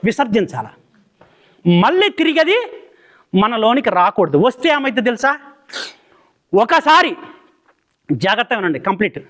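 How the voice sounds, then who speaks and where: A man's voice: sits high, very animated, moderate pace, pauses often, fairly bright tone. A man preaching a fiery sermon in Telugu, firing rhetorical questions at the congregation.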